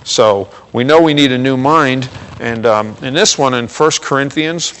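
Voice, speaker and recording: A male pastor delivering a sermon in a conversational way, checking in with "okay?" and getting louder and higher for emphasis. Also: unhurried, a little hiss or hum. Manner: rises in pitch and volume for emphasis. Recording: long reverb of a hall.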